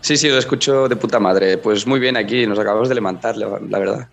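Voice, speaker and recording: A hoarse man joins a podcast as a guest the morning after a night out, his low voice gravelly and creaky. He chats in a relaxed, easygoing way. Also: brisk, soft background music. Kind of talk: casual chat.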